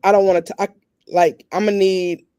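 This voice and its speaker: A man's voice: high voice, little pitch movement, mellow, smooth, dry recording. A man co-hosting a talk show, asking questions and responding with short acknowledgments. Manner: asks questions, fills in with quick acknowledgments. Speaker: podcast co-host.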